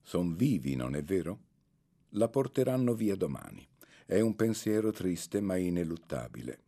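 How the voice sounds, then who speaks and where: Man voicing composed forty-something headmaster, manly, deep voice, warm tone. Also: very animated, moderate pace, exaggerated voice. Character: male school director in his forties, calm and emotional.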